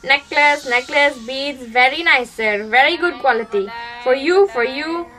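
A woman playing a pushy, flattering Indian beach seller with an Indian accent and wheedling sales patter, in a comedy drama. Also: sits high, unhurried, a little hiss or hum.

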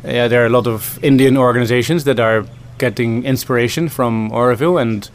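A man's voice: medium pitch, brisk. A man from the Netherlands, a food system consultant answering interview questions thoughtfully, with many ums and restarts.

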